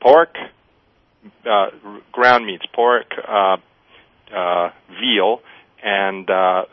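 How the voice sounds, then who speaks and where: A man's voice: lowish voice, very slow, no room sound. A man with a standard American accent giving casual, anecdotal answers as an interview guest, explaining things step by step. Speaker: guest winemaker. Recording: thin phone-like radio line.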